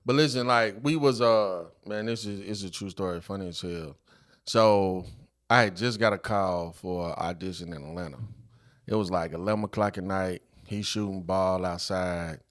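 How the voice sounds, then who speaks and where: Chill guy w a lowish voice spinning a story on a podcast, lots of slang. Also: moderate pace. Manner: laid-back, loose slang, tells stories. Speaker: podcast host. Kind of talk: casual storytelling chat.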